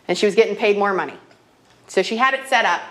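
Her mid-range voice is fairly bright and moves at a quick pace. A woman in her thirties, she leads a classroom money workshop, storytelling and regularly asking "okay?".

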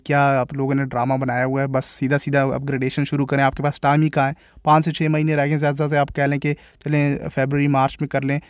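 A man with a Pakistani Urdu accent talks fast and on a narrow, fairly high pitch, airing his opinions to his viewers. He sounds exasperated and calls them brother. His voice is recorded close and dry, with no room sound. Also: a little mellow, no room sound. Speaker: cricket vlogger. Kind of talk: casual commentary to viewers.

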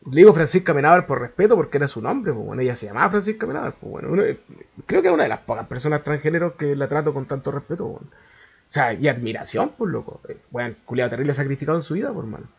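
A man's voice: on the high side, very animated, fast talker, gravelly, breathy edge, dull audio. A man with a Chilean accent telling a story in a casual, slangy, profane way that rambles along. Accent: Chilean Spanish. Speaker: YouTuber.

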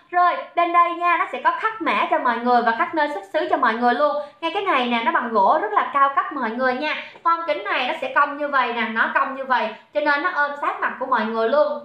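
Fast-talking high-voiced woman livestream seller. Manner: chatty, teasing, reads viewer comments aloud. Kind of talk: live-selling chatter. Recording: echoey room, dull lo-fi sound.

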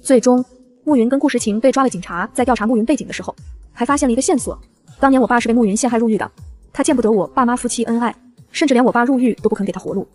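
A woman's voice: on the high side, racing, darkish tone, soft background music. A woman narrating a first-person web novel aloud, in a cool, sardonic tone. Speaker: audiobook narrator.

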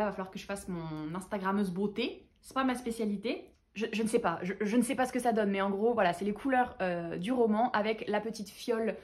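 A woman's voice: fairly high pitch, darkish tone. A woman chatting enthusiastically as a book vlogger, talking through her monthly reads and haul. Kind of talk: casual book haul chat.

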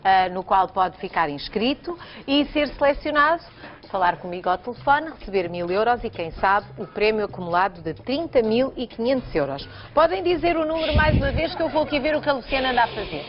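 This woman in her thirties, with a European Portuguese accent, hosts a live TV cooking segment and teases her guest in a fairly high, expressive, brisk voice. Chatty as ever, she also plugs a phone contest from the bright daytime studio kitchen. The sound is dull broadcast audio with music.

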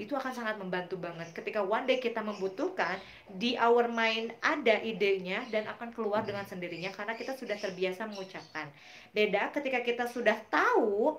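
A woman's voice: mid-range voice, a bit bright, slight background noise. A woman English teacher with an Indonesian accent, explaining grammar and pronunciation in an online class and patiently repeating English example words.

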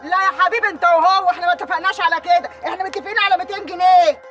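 An actress playing a brash, streetwise young woman with an Egyptian accent in a comedy series, loud and bantering. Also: extremely high pitch, steady tone, rapid-fire, loud music behind the voice. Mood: haggling. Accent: Egyptian Arabic.

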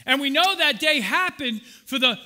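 High, bright-voiced man preaching a sermon. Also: expressive, normal speed. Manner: dramatic swings from shouting to hushed asides; asks the congregation questions and jokes with them. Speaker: pastor. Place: church.

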